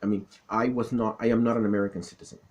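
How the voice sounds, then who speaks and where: A middle-aged man from South Florida with a Florida accent, explaining things in a deliberate, didactic monologue. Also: on the low side, flat delivery. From South Florida, born in the Caribbean. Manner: didactic, deliberate, checks in with "okay?". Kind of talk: explanatory monologue, political talk and recollection.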